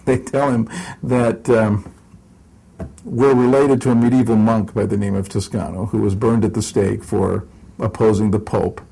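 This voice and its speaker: In an oral history interview, a man in his sixties who grew up in Southern California, United States, recounts his life with wry, self-mocking asides. His voice is fairly low, gravelly and mellow with a breathy edge, and he rambles hesitantly through many fillers and restarts. The audio quality is poor.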